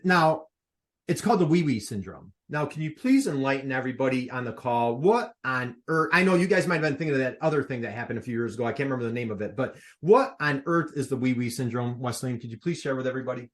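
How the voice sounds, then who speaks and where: A man's voice: medium pitch, lively intonation, fast talker. A man hosting a live online workshop, upbeat and playful, quizzing his audience over a video call. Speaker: workshop host.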